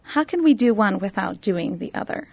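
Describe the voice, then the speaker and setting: An eighteen-year-old woman from Chile hosting a youth panel discussion in a studio, talking things through in a reflective, unhurried way. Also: medium pitch, lively intonation, gravelly, darkish tone, no echo.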